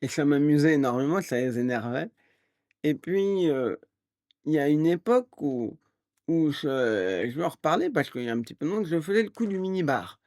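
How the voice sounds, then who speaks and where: A man on a live stream spins a long, meandering anecdote with a bright, lively voice that swings up and down. He restarts often and jumps into other people's voices as he tells it. The sound is close and dry. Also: a little high, normal speed, dry recording. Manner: animated, acts out quoted voices; rambling with restarts and fillers. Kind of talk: casual storytelling on a live stream.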